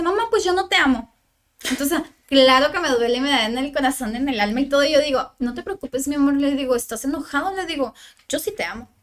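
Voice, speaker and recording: A young woman with a Mexican accent, a psychologist guest on a parenting podcast, telling a personal story in conversation and acting out the lines of those involved, with many fillers. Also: high-pitched. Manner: recounts dialogue, filler-heavy with "o sea" and "le digo".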